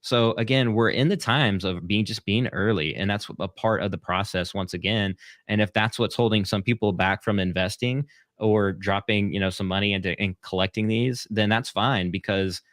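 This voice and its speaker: A male guest talks loosely and at length, circling his points with ums and "you know". His voice sits on the low side. The sound is dry and close to the mic. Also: normal speed, a bit bright, no echo. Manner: rambling, hesitant with many fillers. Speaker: guest, content creator. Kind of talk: casual interview chat.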